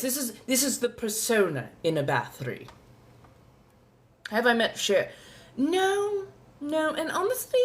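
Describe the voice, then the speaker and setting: A woman's voice: medium pitch, pitched above the performer's own voice. A woman playing an ancient, genteel female vampire with a posh colonial accent, speaking formally and courteously as she chats live in character. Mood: gracious, chatty. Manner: refined, formal, old-fashioned wording, drawn-out deliberate phrasing. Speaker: livestream host answering viewer questions. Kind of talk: in-character live question-and-answer chat.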